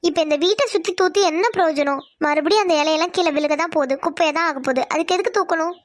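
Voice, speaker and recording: A woman's voice: very high voice, fast talker. A woman voicing a sassy lazy cartoon daughter. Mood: grumbling. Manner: grumbling, talks back cheekily. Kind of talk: Tamil cartoon voice acting.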